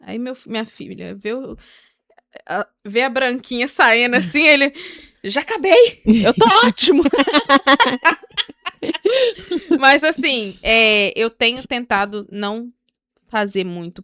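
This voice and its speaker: A woman co-hosting a casual faith-based chat, the mother of a small son, who tells animated stories, acts out what people said and laughs often. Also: a little high, measured pace, clear, resonant tone, no echo, studio quality. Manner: animated storytelling, acting out quotes and laughing often. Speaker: podcast co-host.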